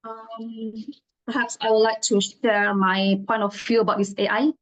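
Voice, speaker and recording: A woman's voice: fairly high pitch, little pitch movement, measured pace, poor audio. A woman in an online group discussion, heard through glitchy, robotic-sounding call audio, checking whether the others can hear her. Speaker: panel participant, virtual assistant. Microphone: video call.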